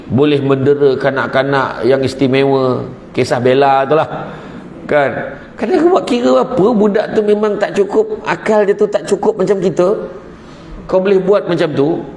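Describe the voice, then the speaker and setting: A man giving a religious talk, animated and repetitive, breaking into laughter as he tells stories. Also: a little high, normal speed. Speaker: preacher. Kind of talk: religious talk with humorous storytelling. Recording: echoey room with faint background noise.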